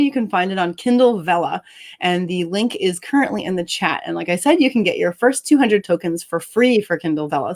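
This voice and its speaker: A woman author reading her own story aloud and then chatting with her co-host, expressive and upbeat and quick to laugh. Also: fairly low pitch. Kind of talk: dramatic story reading and casual chat.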